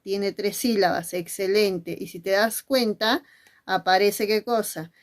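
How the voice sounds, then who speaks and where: A woman's voice: medium pitch, steady tone, a little slow. A woman teacher giving a spelling lesson. She asks questions and then answers them herself, and she speaks fondly to her pupils.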